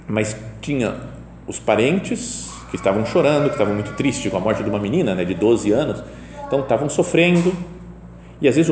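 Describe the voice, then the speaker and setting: In an echoey, reverberant chapel with faint ambience, a man with a Brazilian Portuguese accent gives a chatty homily, often checking with "né?". His voice is medium-pitched and darkish. A little hiss or hum is audible.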